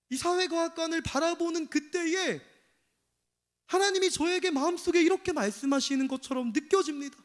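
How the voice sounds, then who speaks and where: High-voiced pastor preaching in a reverberant church. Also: male voice. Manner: earnest confessional preaching. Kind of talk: sermon. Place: church sanctuary. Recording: long church hall reverb.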